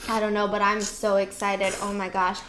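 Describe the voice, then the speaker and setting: A woman's voice: medium pitch, completely flat delivery, normal speed, noisy background. A young woman hosting a chatty eating vlog, bubbly and giggly, with casual swearing. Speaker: mukbang vlogger.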